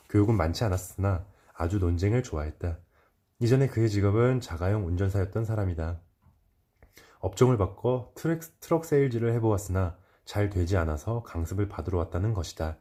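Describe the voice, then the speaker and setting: Man, book reading, measured and calm, low pitch, dark mellow tone. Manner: calm, measured reading with occasional slips and corrections. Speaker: reader. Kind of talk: reading a self-help book aloud.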